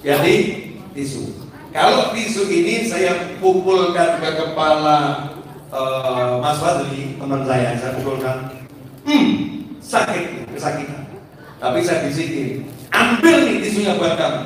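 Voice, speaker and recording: A man's voice: on the high side, takes it slowly, pauses often. A man preaching a religious lecture to a live audience, telling stories with acted dialogue and asking the crowd questions, often breaking off and restarting words. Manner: stretches and restarts words mid-syllable. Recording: echoey hall, mic at a distance.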